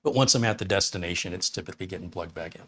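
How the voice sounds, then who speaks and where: Rapid-fire and talkative, this Detroit tech reviewer in his fifties or sixties has a fairly low voice. He runs a relaxed live stream from a small studio room, rambling between tasks, chatting casually, answering viewer questions, and giving blunt opinions.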